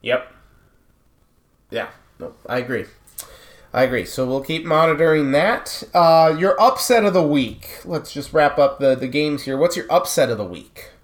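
A man's voice: fairly high pitch, expressive, moderate pace. Agreeable male sports podcast co-host. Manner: agreeable, steers the segments. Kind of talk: casual sports chat.

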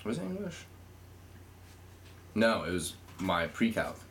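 A man's voice: on the low side, big pitch swings, takes it slowly, very noisy. A young man rambling laid-back stories on a podcast, swearing casually as he goes. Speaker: podcast co-host. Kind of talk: casual crude podcast banter.

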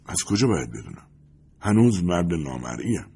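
Man reading a glum, fed-up guy, husky and low, audiobook. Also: sing-song, dark tone, full character voice. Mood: gloomy. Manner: weary, impatient replies. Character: gloomy, irritable man regretting his choices.

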